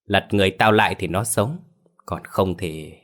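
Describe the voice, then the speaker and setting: A man's voice: low voice, moderate pace, a bit bright. A man voicing the vicious Ma Lai ghost. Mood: menacing. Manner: pleading then menacing and mocking. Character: cunning vicious female ghost, head detaches.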